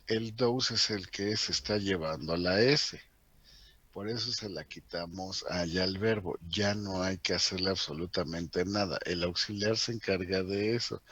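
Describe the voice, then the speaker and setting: A man's voice: lowish voice, fairly bright tone, husky, no room sound. A man teaching an English grammar class in a chatty way, asking his students questions as he goes. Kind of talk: classroom lesson explaining grammar.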